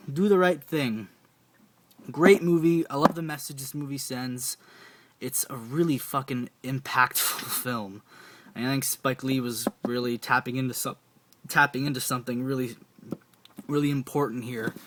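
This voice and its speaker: Young male film buff, casual and profane, excitable delivery, noisy room with clicks. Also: mid-range voice. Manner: enthusiastic, swears often, repeats titles. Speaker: film collector reviewing his DVD shelf. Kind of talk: casual profane movie recommendations.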